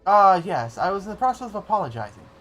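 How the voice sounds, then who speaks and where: Streamer doing a charming roguish adventurer, theatrical, reading game lines, middling pitch. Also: very animated, fast talker, fairly bright tone, faint music behind, rough recording. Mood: wry, flattering. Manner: theatrical, old-fashioned phrasing. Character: suave roguish male adventurer, wry and charming. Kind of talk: reading game dialogue aloud.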